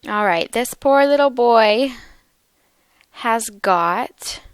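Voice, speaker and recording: A woman teaching English vocabulary, speaking slowly and carefully and repeating words for learners. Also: on the high side, animated, clear, resonant tone, no room sound. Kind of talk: slow, clear vocabulary lesson.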